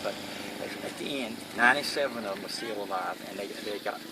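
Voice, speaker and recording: An elderly man with a Kentucky accent recalling war service in a plain-spoken, halting interview style. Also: fairly low pitch. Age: elderly, 80s or older. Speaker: World War II veteran being interviewed. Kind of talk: first-hand war recollection. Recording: noisy, distant mic, vehicle-like background noise.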